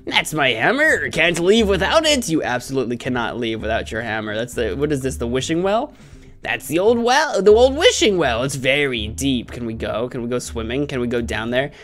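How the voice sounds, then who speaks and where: A gaming streamer in his thirties gives playful let's play commentary, goofily musing aloud. His mid-range, expressive voice is a bit bright and moves at a moderate pace. He uses a close desk microphone on a webcam stream, with faint game music in the background.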